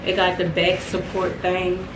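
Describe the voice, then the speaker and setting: A young woman vlogging casually to her viewers, relaxed and chatty and short of breath. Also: fairly low pitch, a little slow. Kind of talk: casual chat to camera. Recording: echoey room, voice a bit far from mic, clear background noise.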